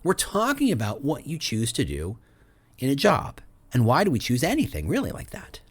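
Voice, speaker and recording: A man's voice: mid-range voice, huge pitch swings, moderate pace, husky. A man hosting his own podcast, talking through a solo monologue full of rhetorical questions in a loose, conversational way. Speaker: podcast host.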